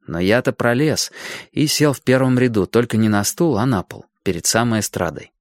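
A man's voice: medium pitch, no room sound, studio quality. A man narrating a story in the first person, reading expressively as an audiobook narrator. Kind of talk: scripted narration.

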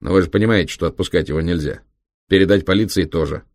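A man reading an audiobook, voicing a cold, ruthless German male biochemist with a creaky, reproachful voice. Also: low voice, fast talker, a little mellow, no room sound, studio quality. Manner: reproachful, dismissive.

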